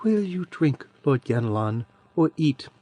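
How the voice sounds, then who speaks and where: For an audiobook, a man voices Adiran, a tiny ancient crone of a coven with a sweet, childlike voice, speaking softly and quietly with an eerie calm. His mid-range voice swings widely in pitch at an unhurried pace, recorded with no echo.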